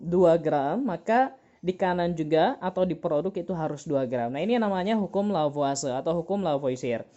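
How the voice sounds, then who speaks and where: A woman's voice: on the low side, animated, normal speed, warm tone, dull audio. A woman teacher giving an online chemistry lesson, patient and repeating key terms with many fillers.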